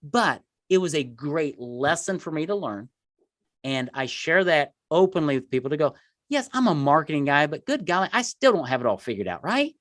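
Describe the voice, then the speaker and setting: A man's voice: fairly high pitch, sing-song, moderate pace, a bit bright, dry recording, studio quality. A middle-aged man speaking as an interview guest, telling stories in an emphatic, self-deprecating way and repeating words for emphasis. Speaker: podcast guest, marketing entrepreneur. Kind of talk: conversational interview storytelling.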